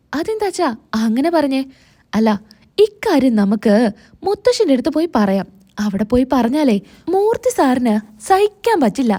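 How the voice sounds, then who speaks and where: A woman's voice: high voice, mellow. A woman casually retelling a TV serial's episode, voicing the characters' lines as she goes. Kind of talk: casual storytelling narration.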